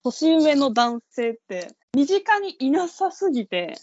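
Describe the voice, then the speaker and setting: A woman's voice: high-pitched, sing-song, slow pace, darkish tone, no echo. A woman in her twenties, co-hosting a podcast in casual chat and often searching for words, on a dull, dry recording. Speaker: podcast co-host.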